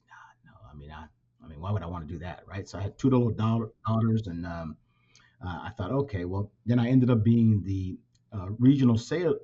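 With a lowish, dark and husky voice, a Spanish-speaking man in his fifties raised in California chats as a company president in a casual interview. He restarts often and leans on fillers, and the recording comes across dull and lo-fi.

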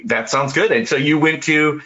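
A man's voice: fairly high pitch, moderate pace, bright, forceful tone, muffled recording. A man hosting a podcast, interviewing a guest with frequent fillers and restarts. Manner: hesitant, many fillers and restarts. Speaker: podcast host. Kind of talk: interview conversation.

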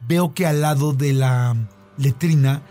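A man with a Mexican accent tells a long personal story in a relaxed podcast chat. He is lively, leans on fillers and repeats himself, and his voice sits slightly high. Faint music plays behind him. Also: a little slow.

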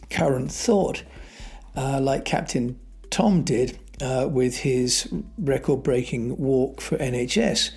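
A man with a husky, slightly breathy voice at an ordinary middle pitch, speaking on his own podcast. He talks in a loose, conversational way, dropping in "uh"s and restarting phrases as he goes. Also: darkish tone. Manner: conversational, with frequent fillers and restarts. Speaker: podcast host. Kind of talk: solo podcast monologue.

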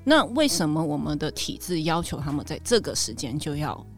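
Woman teacher, podcast guest, lively swooping pitch, animated anecdotes. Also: fairly quick, faint music behind. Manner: animated storytelling, laughs at own jokes. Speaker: guest, high school teacher. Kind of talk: casual podcast chat.

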